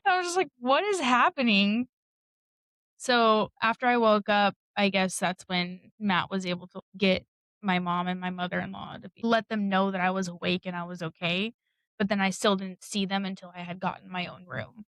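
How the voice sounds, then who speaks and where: A woman co-hosting a podcast tells a personal story in a candid, blunt manner, swearing and laughing a lot. Her voice is medium-pitched and a bit bright, at a normal speed, with no echo but a rough recording quality.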